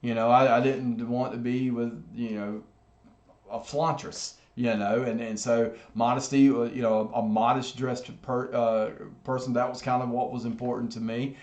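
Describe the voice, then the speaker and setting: A man's voice: mid-range voice, little pitch movement, normal speed, darkish tone. A man teaching a church group in a casual, rambling way, full of fillers, restarts and self-deprecating asides. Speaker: pastor. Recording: echoey room.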